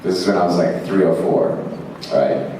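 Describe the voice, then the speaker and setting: A man from Zimbabwe with a very low voice tells rambling, self-mocking stories to a convention crowd. He laughs often and leans heavily on fillers. The sound is picked up from a distance and rings through a big, echoing hall. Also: moderate pace, dark tone, a little hiss or hum. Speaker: actor answering fan questions on a panel. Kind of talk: convention Q&A storytelling. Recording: echoey hall, mic heard from afar.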